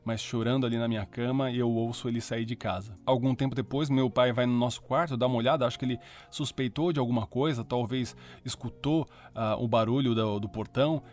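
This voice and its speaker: A man's voice: medium pitch, steady tone, a little fast, few pauses, darkish tone. A man with a Brazilian Portuguese accent, a podcast host giving a personal religious testimony in an earnest, reflective storytelling manner.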